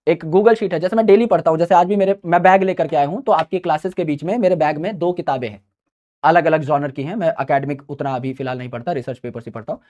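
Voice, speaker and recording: A man's voice: high voice, a little mellow, lo-fi sound. A man teaching exam students in a casual advice talk. He is chatty and mixes in English phrases. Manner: chatty, mixes Hindi with English phrases, calls listeners "brother".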